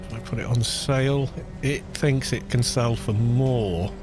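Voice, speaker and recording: Game music plays behind this relaxed male streamer, whose baritone comes through a low-cut studio microphone. He talks a little slowly, offering casual commentary on his gameplay and muttering to himself between comments.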